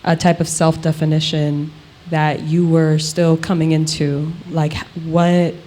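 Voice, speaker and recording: A woman's voice: deep voice, flat delivery, a little slow, mellow. A woman interviewing in a thoughtful, conversational style, feeling her way tentatively through her phrasing.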